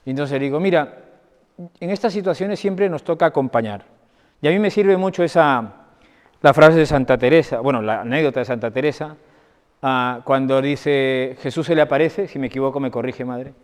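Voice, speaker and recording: A male doctor gives a conversational talk to an audience in a parish hall, telling anecdotes and often asking listeners to agree so he knows they're following. His voice is medium-pitched at a normal speed, with the long reverb of the hall.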